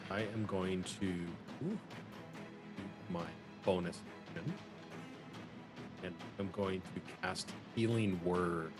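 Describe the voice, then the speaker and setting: A man playing a tabletop game over a group voice chat whose connection breaks up, pausing with fillers as he takes his turn. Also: low-pitched, steady tone, music in the background. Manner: hesitant, pauses with fillers mid-turn. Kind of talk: casual play over voice chat.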